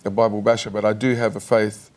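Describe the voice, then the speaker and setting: A man, a singer and actor guest chatting on a TV couch, halting and restarting often. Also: fairly low pitch, level tone, a little mellow. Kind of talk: casual interview chat. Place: television studio.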